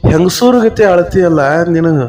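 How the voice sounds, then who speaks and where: A man voicing a blunt village woman who scolds and mocks in a sharp tone. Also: sits high, expressive, normal speed. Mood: scolding.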